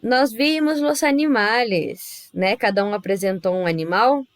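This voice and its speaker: A woman's voice: fairly high pitch, a little slow, no echo. A woman teaching a Spanish class with a Brazilian Portuguese accent, explaining patiently step by step and checking in with her students. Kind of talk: recorded class lesson.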